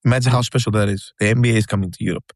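A man from Greece co-hosting a podcast, talking excitedly and repeating himself in casual sports chat. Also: lowish voice, dry recording, studio quality. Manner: fast, excitable, repeats words and says "bro". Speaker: podcast co-host.

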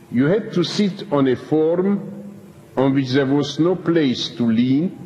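An older preacher delivers slow testimony to an audience about his time in prison, choosing his words with emphasis and pausing often. His voice is a little high and a little mellow. The recording is dull lo-fi archive tape from a reverberant hall.

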